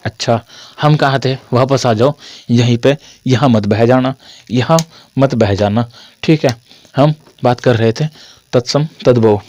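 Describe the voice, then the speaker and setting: A young man gives a casual online Hindi grammar lesson, chatty and repetitive, with jokey asides to his students and a sore throat from a cold. His voice is medium-pitched and a little mellow, and he speaks a little slowly.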